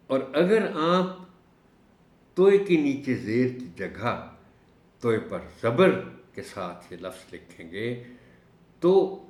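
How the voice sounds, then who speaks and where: Man, very low voice, teaching tutorial, drawn-out key words, roomy sound. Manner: explains slowly, drawing out key words. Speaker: teacher trainer. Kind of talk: recorded tutorial lesson.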